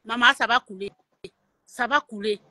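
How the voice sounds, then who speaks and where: A woman's voice: fairly high pitch, moderate pace, pushed and bright, no room sound. A woman from Cameroon with a Cameroonian French accent, ranting in a heated live stream, taunting and confrontational and slipping into Italian, speaking close to a phone. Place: at home in Italy.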